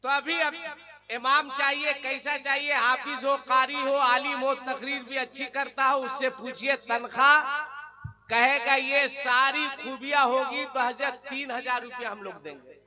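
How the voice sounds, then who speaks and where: A man's voice: extremely high pitch, pushed and bright. A man preaching a religious sermon at a large gathering. He sings verses in a ringing chant and then drops into joking asides. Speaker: qari and preacher. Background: crowd.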